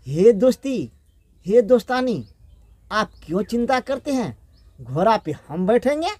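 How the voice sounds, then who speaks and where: A greedy, scheming friend of a king in a folk tale, full of smug, wheedling reassurance, as a male storyteller plays him. His voice is high and slow. It is recorded dry and close. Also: sing-song, a little mellow, no echo, heavily acted.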